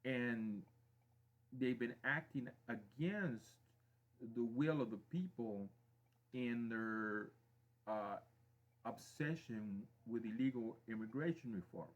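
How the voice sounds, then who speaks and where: A middle-aged man from Mexico hosting a live stream, giving a deliberate, emphatic opinion monologue and repeating phrases for weight. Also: medium pitch. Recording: dull lo-fi stream audio.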